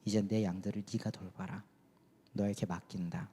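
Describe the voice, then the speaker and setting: A preacher voicing a gentle, loving Jesus. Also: male voice, lowish voice, level tone, moderate pace, voice pushed down, natural voice. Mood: tender. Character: gentle, loving male Jesus speaking to a disciple. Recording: long church hall reverb.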